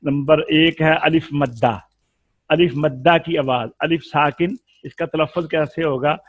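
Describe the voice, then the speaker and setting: Man teaching Quran recitation, drawn-out vowels. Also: fairly high pitch, fairly even intonation, dry recording. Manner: patient, drawn-out demonstrations of vowel sounds. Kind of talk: explanatory lesson.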